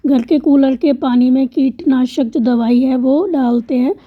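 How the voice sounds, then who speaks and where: A woman's voice: high-pitched, unhurried. A woman teacher patiently explaining a language exercise step by step, spelling out letters and word parts one at a time. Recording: dull lo-fi sound.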